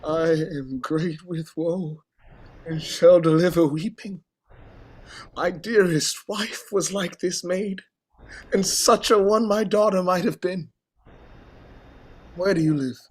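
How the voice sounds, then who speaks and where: Husky, theatrical, grief-worn king. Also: high voice, heavily acted. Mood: grieving, intent. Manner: theatrical, declamatory, halting, swinging from hushed to outcry. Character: grief-worn, long-suffering king, anguished, hoping and doubting. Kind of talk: classical verse stage acting.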